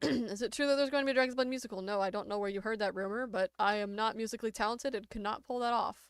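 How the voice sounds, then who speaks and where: A woman's voice: a little high, rapid-fire, smooth, no room sound, soft background music. Congested young woman chatting on stream. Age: 20s. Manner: chatty, playful, self-mocking. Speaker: artist streaming a Q&A. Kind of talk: casual livestream chat. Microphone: desktop mic.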